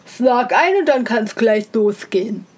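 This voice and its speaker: A woman voicing a haughty male hare who mocks others, speaking loudly and scornfully in a storybook reading. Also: on the high side, animated, unhurried. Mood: mocking. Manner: scornful, loud and boastful. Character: haughty mocking male hare, proud of his long legs.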